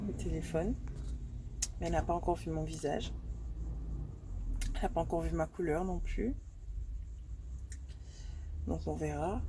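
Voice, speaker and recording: A woman's voice: on the low side, noisy background. A young woman vlogging casually with a handheld phone in a small apartment, chatting with frequent hesitations and repeated words. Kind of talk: casual self-filmed vlog chat.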